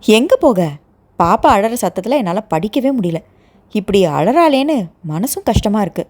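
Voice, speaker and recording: A woman's voice: mid-range voice, big pitch swings, moderate pace, a little mellow. A woman voicing a teasing, joking young man who plays the younger brother in a storybook. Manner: mocking, joking.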